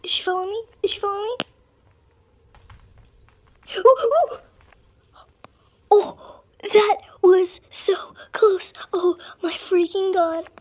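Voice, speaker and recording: Speaking slowly and pausing often, this youthful gamer runs his high voice through a voice-changer effect. His commentary is casual, dramatic and self-mocking in a playful way, with a darkish tone, and he makes gaming videos.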